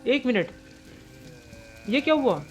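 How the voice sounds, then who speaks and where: Brief: young male gamer host, live gameplay commentary, jokey and foul-mouthed, panicky yelling in fights, faint music behind. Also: extremely high pitch, takes it slowly. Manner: excitable, swears constantly, jokey banter; yells in panic during fights. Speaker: gaming channel host.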